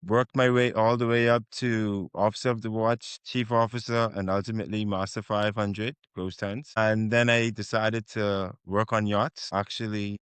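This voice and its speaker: Man with a smooth low voice. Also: flat delivery, moderate pace, hardly any pauses, no echo. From Bahamas. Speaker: guest marine surveyor. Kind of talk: podcast interview answers.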